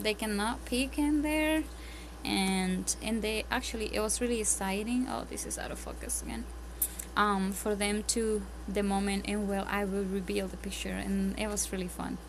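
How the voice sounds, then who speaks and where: A woman with a strong Spanish accent, from a Spanish-speaking country, shares homeschooling tips at her table at home in a casual vlog, earnest and full of ums and restarts. Her voice sits on the high side. It's a low-quality phone-mic recording with a steady bed of clear background noise underneath.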